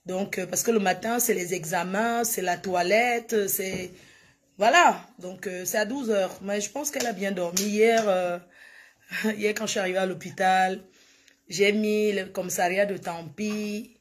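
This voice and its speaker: A woman hosting a casual morning live stream, chatting softly and greeting her viewers with terms of endearment. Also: mid-range voice, fairly even intonation, measured pace.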